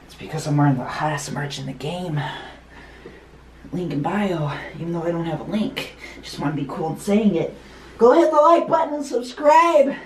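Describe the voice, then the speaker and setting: A man's voice: a little high, expressive, normal speed. A young man talking casually to camera as host of a challenge vlog. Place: small home bathroom. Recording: echoey bathroom with background noise.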